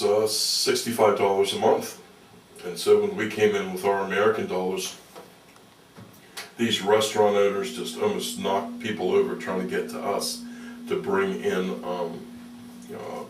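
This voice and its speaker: A man telling stories as a radio interview guest, conversational and halting, often repeating words as he thinks. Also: low voice. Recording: roomy, noisy, distant-mic radio interview.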